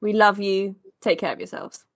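Brief: woman podcast host, casual chat, laughs and swears as she riffs. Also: mid-range voice. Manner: laughing, swearing, quick riffing.

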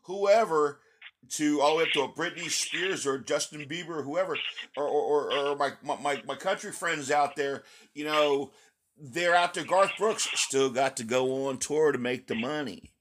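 A man's voice: on the high side, normal speed, fairly bright tone. A man hosting a podcast in casual interview chat, his voice scratchy from recent laryngitis, rambling with many restarts. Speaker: podcast host.

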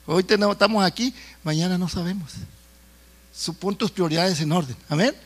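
A man's voice: high voice, a little fast. A middle-aged man preaching a sermon, talking to the congregation in a conversational way with stories and jokes.

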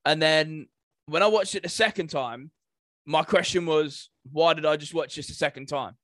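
A man co-hosting a podcast chats casually about video game movies, thinking aloud with some hesitation. His voice is fairly high and a bit bright, at a moderate pace, recorded with clean studio sound and no echo.

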